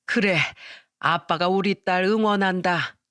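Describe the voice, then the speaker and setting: A man voicing a gentle, soft-hearted father who comforts his grown daughter in a scripted audio drama. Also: sits high, fairly even intonation, unhurried, no room sound. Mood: encouraging. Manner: gentle and apologetic.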